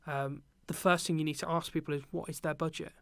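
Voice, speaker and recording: A man's voice: a little high, fast talker, gravelly, no echo. A young adult British man telling work stories in a casual podcast chat, with lots of ums. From Britain. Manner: relaxed storytelling with many ums. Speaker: podcast guest, teacher and business owner.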